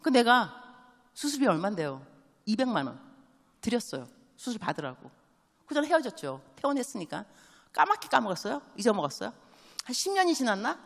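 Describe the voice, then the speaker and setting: Her voice a little high and gravelly, a woman missionary preaches in a large church sanctuary, where long reverb trails her words. She tells stories with animation, weaves in English phrases, and asks the congregation quick questions in call-and-response style.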